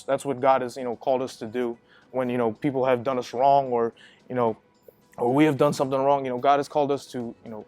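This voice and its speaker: A young youth minister delivers a casual sermon that rambles, leaning heavily on "you know" and other fillers. His mid-range voice has a darkish tone, and the recording is dry.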